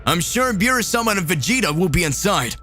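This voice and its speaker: A man putting on an earnest young fighter hero, a little higher than his own voice and lively in tone. He speaks with determination, over faint music. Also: a little fast, full character voice. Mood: determined. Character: earnest young male martial artist hero.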